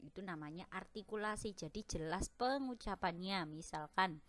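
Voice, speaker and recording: Woman, young adult, primary school teacher, patient, clear explanations for children. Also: on the low side, lively intonation, moderate pace, fairly bright tone. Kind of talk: online class lesson.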